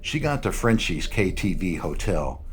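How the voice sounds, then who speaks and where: A man narrating a noir audiobook in a measured, dry storytelling manner. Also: sits low, sing-song, over loud music.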